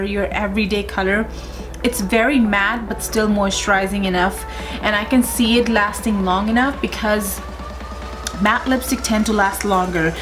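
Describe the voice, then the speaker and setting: A young woman chatting to her viewers as she walks through a makeup tutorial step by step. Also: mid-range voice. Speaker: beauty vlogger. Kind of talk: casual makeup tutorial chat.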